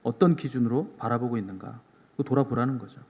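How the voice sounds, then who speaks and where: A male pastor preaching a Sunday sermon, swinging between loud emphatic peaks and soft low asides and putting rhetorical questions to the congregation. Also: fast talker, breathy edge, long reverb tail. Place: church sanctuary.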